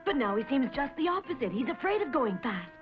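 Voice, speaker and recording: A very high earnest cartoon girl. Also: very animated, fast, music in the background. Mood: curious. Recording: dull, noisy old cartoon dub audio.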